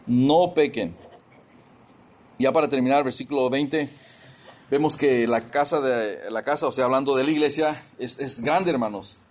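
A man's voice: mid-range voice, moderate pace. A man preaching a casual sermon, mixing personal testimony with scripture and often repeating or restarting his words.

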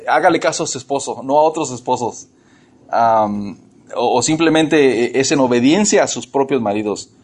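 A man's voice: mid-range voice, normal speed, darkish tone. A man preaching a sermon to his congregation. He is emphatic, repeats words and asks his listeners questions. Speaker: pastor.

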